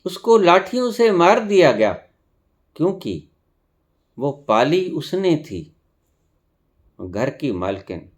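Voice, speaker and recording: A man giving a spiritual discourse, preaching slowly with sudden emphatic rises. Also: fairly high pitch, big pitch swings. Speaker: spiritual teacher.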